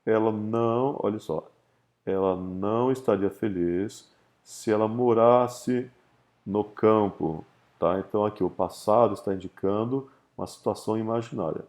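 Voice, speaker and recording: A man with a Brazilian Portuguese accent teaching English grammar, explaining in Portuguese, reading English examples slowly and clearly, and checking in with "tá?" after each point. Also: on the low side, a little mellow. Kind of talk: recorded grammar lesson.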